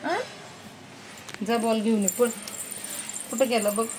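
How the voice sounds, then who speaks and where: A woman's voice: a little high, fairly even intonation, takes it slowly, darkish tone, slight background noise. A young woman with a Marathi accent vlogging at home, coaxing her toddler in a sing-song voice and chatting to camera. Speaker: vlogger and mother. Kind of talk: casual home vlog, talking to a baby.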